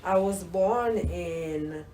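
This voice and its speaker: Her voice sits on the low side and she draws out her words, an older Jamaican grandmother with a Jamaican accent sharing memories warmly. It's a casual oral history interview, full of repeated words and "you know"s, recorded in a roomy space with a faint hiss or hum.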